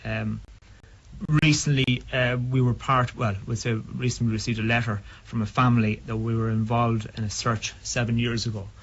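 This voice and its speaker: A man's voice: mid-range voice, little pitch movement, moderate pace. A man with a west of Ireland accent, speaking informally and a little hesitantly as a club member in a radio interview. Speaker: sub aqua club member being interviewed. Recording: dull, noisy radio interview recording.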